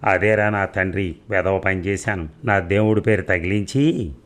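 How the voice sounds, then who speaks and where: A man's voice: low voice, normal speed, close to an everyday voice. A man voicing a fussy old grandmother who coaxes and scolds her grandson. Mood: cross. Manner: coaxing then scolding.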